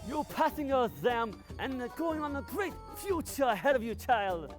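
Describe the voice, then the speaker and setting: A grandiose, high-voiced fortune teller. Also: male voice, very animated, normal speed, over music. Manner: grandiose, dramatic. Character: grandiose showman fortune teller, self-styled magnificent. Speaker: fortune teller pitching in a parody ad. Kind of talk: theatrical fortune teller sales pitch.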